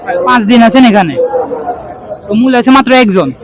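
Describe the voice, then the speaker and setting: Male vlogger, high voice, casual street commentary with English words mixed in, loud crowd behind. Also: normal speed. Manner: mixes English words into Bengali. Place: crowded outdoor cattle market. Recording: busy outdoor market crowd noise. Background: market crowd.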